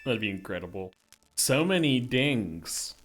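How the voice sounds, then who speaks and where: A man's voice: medium pitch, big pitch swings, a little slow, a bit bright. A man chatting casually as co-host while he plays a video game. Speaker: let's play co-host. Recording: game music behind. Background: video game music.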